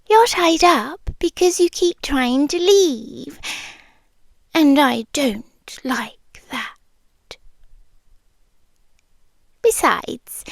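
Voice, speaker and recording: In an intimate ASMR roleplay, a British woman voices a possessive, doting female spider monster, speaking softly and often whispering with a coaxing, possessive, sweetly menacing tone. Her voice is high and heavily acted, and there's no echo.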